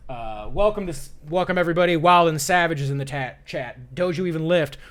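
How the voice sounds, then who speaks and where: A man's voice: fairly high pitch, animated, fairly quick, a bit bright. Rambling talk-show host, a man. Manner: rambling, many fillers and restarts. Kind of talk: live-streamed talk show chat.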